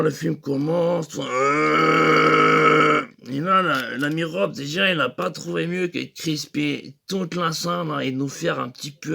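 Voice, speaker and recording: A man's voice: a little high, gravelly, pushed and bright. A man telling a rambling comic story in slang, hesitant and full of fillers and restarts.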